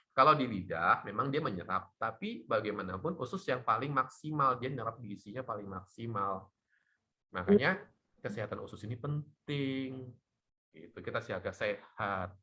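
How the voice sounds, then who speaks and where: A middle-aged man, a doctor, explaining health topics in a lively talk show chat. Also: medium pitch, moderate pace. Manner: lively, animated explaining with laughs.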